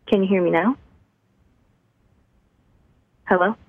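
A woman calling into a radio show, her phone line breaking up and cutting out as she talks earnestly, with frequent pauses. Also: medium pitch, steady tone, dry recording. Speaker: phone-in guest. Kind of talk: casual radio talk. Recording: tinny, dry phone line.

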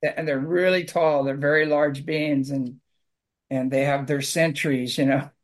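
Earnest, rambling man with a raised pitch. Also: fairly even intonation, a little slow. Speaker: spiritual house clearer. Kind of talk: casual conversation.

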